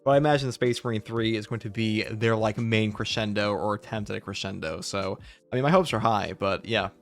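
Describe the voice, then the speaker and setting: Over background music, a video game channel host talks through a casual gaming commentary discussion, chatty and full of opinions. His voice is fairly low, gravelly, and brisk.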